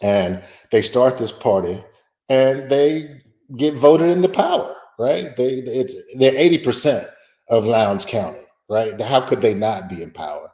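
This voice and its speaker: A man's voice: medium pitch, unhurried, dark tone, reverberant. A man who is a history professor, giving a conversational slide lecture in a blunt, emphatic and colloquial way.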